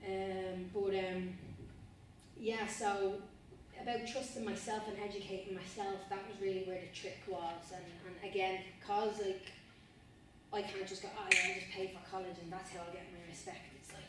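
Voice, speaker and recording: Woman chatting in an echoey room. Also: mid-range voice. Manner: conversational, frequent fillers. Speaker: guest speaker. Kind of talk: casual talk to a student group. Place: university room. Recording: echoey room, distant mic, background noise.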